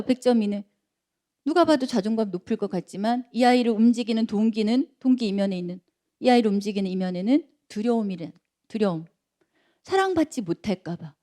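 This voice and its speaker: A woman lecturer giving a public lecture, animated, acting out quotes and putting questions to her audience. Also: a little high. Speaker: lecturer, counseling institute director.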